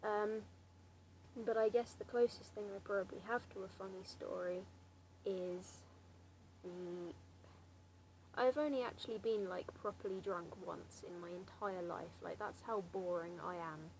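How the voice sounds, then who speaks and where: A woman's voice: medium pitch, fairly even intonation, measured pace, a little mellow. Noisy recording of a hesitant teenage southern English girl. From Slough, England. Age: late teens, seventeen. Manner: hesitant, self-deprecating, wry. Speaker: amateur vlogger answering a challenge. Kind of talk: casual rambling chat to camera.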